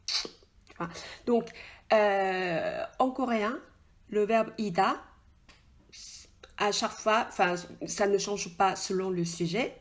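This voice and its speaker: A woman teaches in a relaxed, chatty way, talking straight to the learner and checking often that they follow. She speaks at a middle pitch, with frequent small hesitations as she explains at the board. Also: slow pace, long pauses. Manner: chatty and informal, addresses the learner directly, frequent "tu vois?" and hesitations. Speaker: Korean language teacher. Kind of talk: casual spoken lesson, explaining at a whiteboard.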